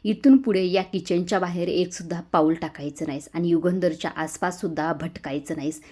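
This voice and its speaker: A woman voicing a harsh aunt who shouts and berates a younger woman, in a retold serial scene. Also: on the low side, steady tone, a little fast, natural voice. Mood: scolding.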